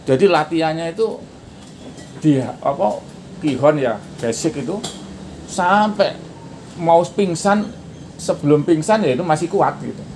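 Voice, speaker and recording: A man in his sixties, a podcast guest, talking casually and shouting out drill counts now and then. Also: on the high side, lively intonation, normal speed. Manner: shouts out karate counts when demonstrating. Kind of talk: casual interview. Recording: noisy background.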